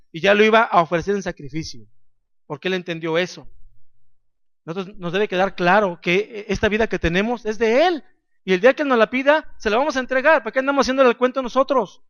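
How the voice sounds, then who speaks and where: High-voiced man preaching with questions. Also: a bit bright, no echo, lo-fi sound. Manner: emphatic preaching with call-and-response questions to the congregation. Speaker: pastor. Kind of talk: sermon.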